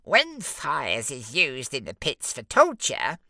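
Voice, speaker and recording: A man's voice: medium pitch, huge pitch swings, takes it slowly, vocal fry, sharp tone, no room sound, clean studio sound, voice pushed up, heavily acted. A man voicing a fussy, officious little male imp with a prim, wheedling drawl.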